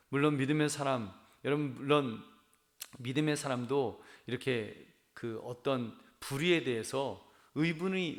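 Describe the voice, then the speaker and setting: A man, a pastor, delivering an earnest sermon, often turning to the congregation with direct appeals and building to emphatic, animated peaks. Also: on the high side.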